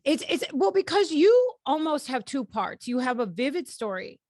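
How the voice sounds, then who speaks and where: A woman's voice: high voice, sing-song, normal speed, a little mellow, no room sound, studio quality. A woman hosting a podcast interview, heartfelt and rambling, often laughing and tearing up. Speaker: podcast host.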